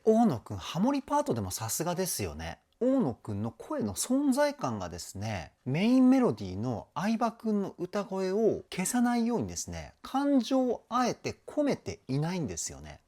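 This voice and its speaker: Male vocal coach doing a song reaction and breakdown, enthusiastic and explanatory, wildly swinging pitch. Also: wildly swooping pitch, normal speed, hardly any pauses, mellow. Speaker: vocal trainer.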